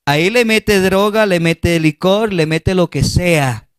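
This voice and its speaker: A male pastor with a Colombian Spanish accent preaching a passionate sermon, rising to shouts and acting out the voices of parents and children. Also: high voice, slow, clear, resonant tone, no room sound.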